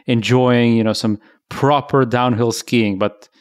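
A man's voice: mid-range voice, fairly even intonation, measured pace, smooth. A man co-hosting a podcast who asks questions in a chatty, joking, curious way. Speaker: podcast co-host. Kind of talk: podcast interviewing.

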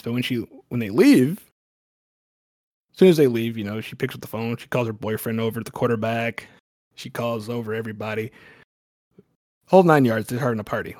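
A male game master with a medium-pitched, slightly mellow voice rambles casually and swears a lot while setting up a spooky scene for a horror tabletop game. The sound is dry, without echo.

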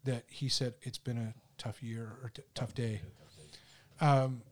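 Man, mid-pitched voice, reflective, casual podcast chat. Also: flat delivery, measured pace.

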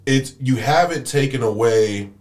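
A man's voice: mid-range voice, unhurried. A man hosting a casual interview, asking loose, rambling questions with repeated words. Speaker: interview host.

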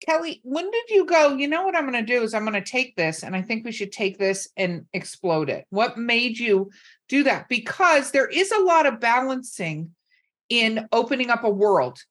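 A woman with a fairly high, very animated voice and a fairly bright tone talks at a moderate pace. She's a podcast host interviewing an author, chatting casually in an enthusiastic, blunt way.

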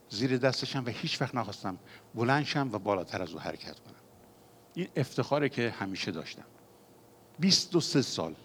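A man preaching a sermon as pastor, moving between quiet confiding passages and loud, fervent exhortation. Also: mid-range voice, a little hiss or hum.

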